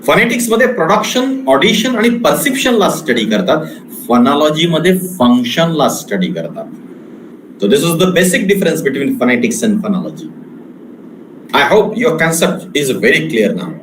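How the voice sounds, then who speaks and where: A man teaching an online English lecture with an Indian English accent, speaking slowly and deliberately and switching between English and Marathi. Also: on the high side, very animated, roomy sound, background noise.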